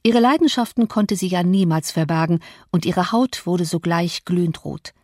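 A woman narrating an audiobook, with a measured, expressive delivery at a middle pitch. She sits close to the mic in a dry, dead room. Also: no echo. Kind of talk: scripted narration.

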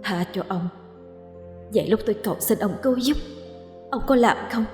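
A woman playing the ghost of a young woman from a spoken horror tale, hushed and accusing. The voice rises higher and quieter than the narration, over faint background music. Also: moderate pace, reverberant, big-room sound, lightly acted. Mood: bitter. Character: young woman's vengeful ghost, grieving and bitter.

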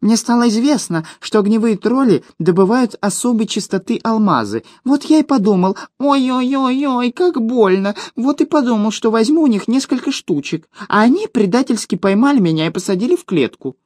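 Squeaky little storybook gnome, boastful and whiny, shrill, swooping all over, dry close sound. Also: male voice, animated, normal speed, few pauses, a little mellow, dry recording. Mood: whining. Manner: high squeaky wailing, melodramatic.

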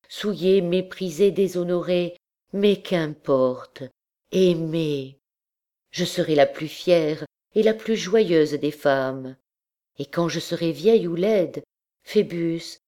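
A woman's voice: sits low, dark tone. A woman voicing a young, desperate dancer girl who pleads passionately with the man she loves.

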